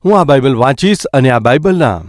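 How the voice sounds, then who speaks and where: Brief: steady, defiant boy, told by a male preacher, reassuring tone. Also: medium pitch, fairly quick, no room sound, clean studio sound, close to an everyday voice. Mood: calm. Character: calm defiant teenage son.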